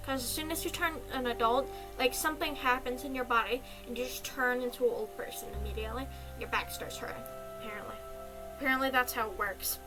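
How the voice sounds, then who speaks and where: A young woman with a high-pitched voice chats casually as a streamer, giving advice in a loose, rambling way full of ums and small giggles. Music plays clearly in the background the whole time. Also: low-quality recording.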